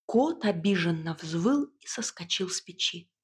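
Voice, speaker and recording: A woman narrating a fairy tale in a calm, even storytelling manner. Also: on the low side, unhurried, husky.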